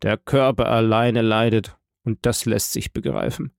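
A man voicing a shattered middle-aged male prosecutor in an audiobook, speaking in a low, pressed, strangled voice. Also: a little slow, vocal fry, dry recording, studio quality. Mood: crushed.

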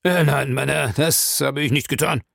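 A man doing a smooth, evasive bar owner. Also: medium pitch, fairly even intonation, normal speed, a bit bright, no echo, clean studio sound, voice pushed up, exaggerated voice. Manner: ingratiating, smooth-talking.

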